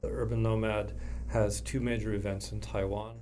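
A man, a festival organizer, answering interview questions in a relaxed, conversational way. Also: fairly low pitch, moderate pace, slight background noise. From USA.

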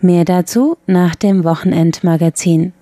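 A woman hosts a radio program and reads out the rundown in a calm, measured studio voice. Her voice sits low and sounds warm and relaxed. The studio sound is dry and close. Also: dry recording. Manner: even, measured reading. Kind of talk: scripted radio announcement.

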